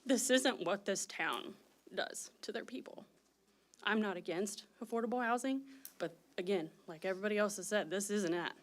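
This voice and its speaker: A woman's voice: medium pitch, normal speed. A woman giving an emotional, indignant public comment at a city meeting.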